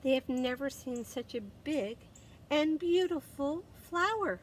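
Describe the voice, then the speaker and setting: Female storyteller for young children: higher-pitched, very expressive read-aloud, faint background noise. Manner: expressive, dramatic pauses, gasps and exclamations for effect.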